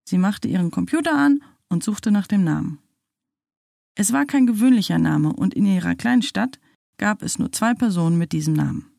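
A woman narrating a spooky storybook in a slow, measured, dramatic way. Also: mid-range voice, expressive, vocal fry, warm tone, no echo, studio quality.

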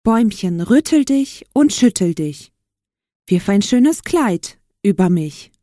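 A woman voicing a kind, downtrodden young girl in a spoken storybook, with a gentle, pleading manner. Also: fairly high pitch, animated, measured pace, no room sound, clean studio sound. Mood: calling.

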